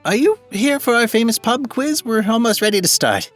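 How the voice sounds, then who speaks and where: A man's voice: very high voice, animated, normal speed, fairly bright tone, soft background music, pitched above the performer's own voice. A man voicing a friendly Scottish woman pub landlady, chatty and welcoming, while reading game dialogue aloud.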